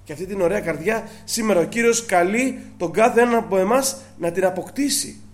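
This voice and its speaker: A man preaching a sermon to his congregation, asking rhetorical questions and quoting scripture earnestly. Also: high voice.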